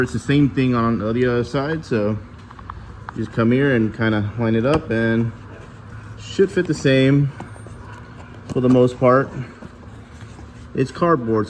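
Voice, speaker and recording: A man's voice: mid-range voice, slight background noise. A man giving a casual, hands-on how-to commentary, recorded on a handheld camera in a garage. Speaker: DIY car builder presenting. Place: metal-walled garage workshop.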